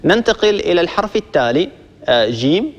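A man teaching a Quran recitation lesson, explaining in a measured way and stopping to demonstrate letter sounds. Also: high-pitched, very animated, lo-fi sound. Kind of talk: tajweed lesson to listeners. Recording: long reverb, hall-like echo.

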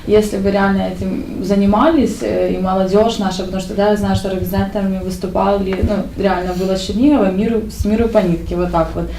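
A woman's voice: medium pitch, fairly even intonation, fast, few pauses, mellow. A young woman and beauty contest participant, speaking at a press conference in an eager, talkative way. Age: young adult. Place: indoor press conference room. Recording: echoey room from far off, faint noise.

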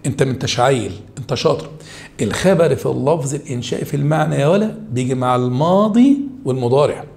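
A man with an Egyptian accent teaching a high school Arabic rhetoric review, animated and coaxing his students with pet names. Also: quick pace, creaky.

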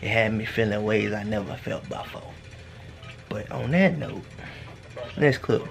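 A man's voice: lowish voice, a little slow, gravelly, faint music behind. A young man vlogging casually to a handheld camera, joking and swearing in and out of doors. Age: young adult. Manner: joking, profane, talks to camera and to his dog. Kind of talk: casual vlog chat. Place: backyard and a small shed room, in and out of doors. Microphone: handheld camera at arm's length.

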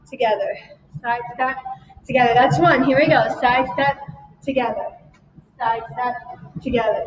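A woman's voice: sits high, slight background noise. A woman fitness instructor leading a live workout, encouraging the class and counting reps while she exercises, a little out of breath. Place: fitness studio, indoors. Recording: echoey, distant, slightly dull room sound.

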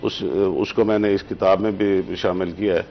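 A man, an author, speaking in a measured, formal literary way with frequent halting restarts on a TV talk show. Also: low-pitched, little pitch movement, lo-fi sound. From Pakistan. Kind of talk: conversational interview.

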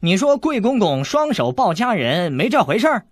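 男声扮演的爱逗人的少年小太监, 嗓音略沙哑, 录音干. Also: male voice, a little high, sing-song, fairly quick, fairly bright tone, no room sound, studio quality. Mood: teasing. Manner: teasing, boastful, playful. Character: cheeky scheming teenage boy eunuch.

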